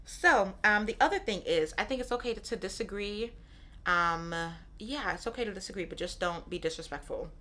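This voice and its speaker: Expressive and fairly quick, this mid-range female voice has a sharp tone. The speaker, in her thirties, is Nigerian-born and grew up in Brooklyn, New York; on her casual solo podcast she speaks candidly, repeats herself and keeps asking "right?".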